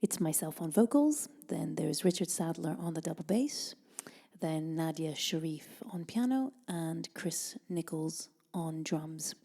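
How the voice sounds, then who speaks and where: A woman's voice: low voice, expressive, a little slow, creaky, breathy edge. A woman from Italy, raised in Denmark, answering interview questions in a thoughtful, hesitant way and sometimes dropping to a near whisper. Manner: thoughtful, many ums and uhs; soft, at times drops to a whisper. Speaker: jazz vocalist and band leader.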